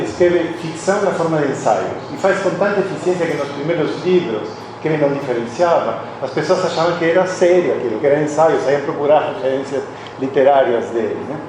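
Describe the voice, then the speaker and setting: Captured from far back in a very reverberant hall over a steady background noise, a middle-aged philosophy professor from Argentina gives a personal academic lecture at a conference. A native Spanish speaker with a slightly high voice, he sounds reflective and confessional, frequently restarting his sentences.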